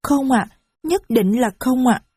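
A woman's voice: high voice, mellow, husky, no room sound, clean studio sound, pitched above the performer's own voice. A polite little girl, as a woman puts her on. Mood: innocent. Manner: slow, sweet childlike phrasing. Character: small innocent girl, polite and simple.

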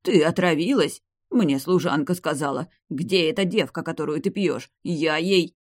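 A reader voicing an older male vampire clan head, a gruff and doting grandfather, in an audiobook. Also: mid-range voice, moderate pace, no echo, clean studio sound, close to an everyday voice. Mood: agitated. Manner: gruff, fussing. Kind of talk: audiobook character voice.

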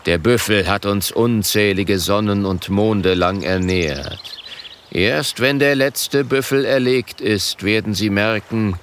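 A man voicing a stern, indignant male sub-chief who speaks gravely and slowly, in a storybook reading. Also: on the low side, fairly bright tone, a little hiss or hum. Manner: grave, slow.

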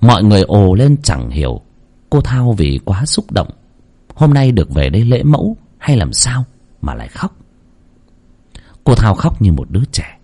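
A man's voice: fairly low pitch, normal speed, pauses often, slightly rough. Male narrator, horror tale, huskily voiced, swooping wide melody. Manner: dramatic, very expressive intonation. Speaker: storyteller.

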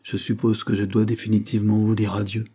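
A man reading aloud voices a courteous young man who speaks in a measured way. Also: on the low side, flat delivery, dark tone, breathy edge.

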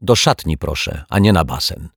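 A man voicing a gruff, blunt cleaning lady in a children's audiobook, scolding and suspicious. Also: very deep voice, lively intonation, normal speed, dry recording, studio quality, exaggerated voice. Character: gruff grumbling older female cleaning lady.

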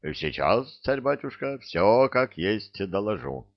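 Man playing a cheeky smooth-talking adventurer. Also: fairly low pitch, very animated, takes it slowly, no echo, muffled recording, exaggerated voice. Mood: glib. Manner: glib, wheedling.

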